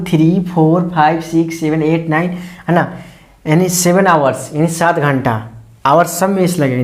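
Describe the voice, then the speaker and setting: This is a teacher talking a class through a lesson at a steady middle pitch. They keep firing off little check-in questions and then answering them, and they repeat the key words slowly and patiently. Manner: quizzing tone, constantly asks "ठीक है ना?" and answers own questions; slow, repetitive step-by-step explanation. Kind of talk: explaining English lesson to students.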